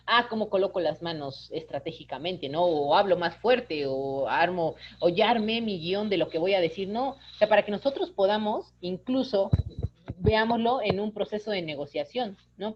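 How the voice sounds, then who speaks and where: A woman's voice: mid-range voice, muffled recording, slight background noise. A woman teaching an online course, chatty and keeps checking in with the class. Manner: chatty, keeps asking "¿no?", acts out quoted dialogue. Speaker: course instructor. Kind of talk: online lecture.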